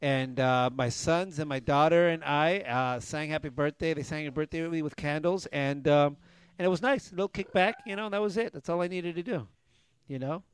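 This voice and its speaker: A man's voice: fairly high pitch, fairly quick, smooth, dry recording. A middle-aged man co-hosting a casual talk show, chatting in an encouraging way. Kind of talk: casual chat.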